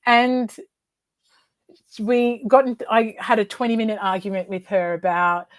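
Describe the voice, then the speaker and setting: A woman coach and author telling a story as an interview guest, animating dialogue with big pitch leaps. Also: fairly even intonation, measured pace, no room sound.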